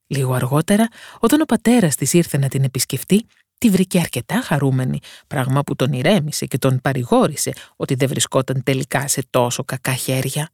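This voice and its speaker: A woman storyteller giving a scripted fairy-tale narration in a calm, measured way. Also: a bass voice, breathy edge, dry recording, clean studio sound.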